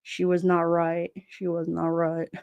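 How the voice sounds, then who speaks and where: A middle-aged woman with a New York accent, casually chatting on a livestream, sassy and quick to laugh. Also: on the low side, monotone, vocal fry, darkish tone, smooth. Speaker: livestream host reading chat. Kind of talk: casual chat.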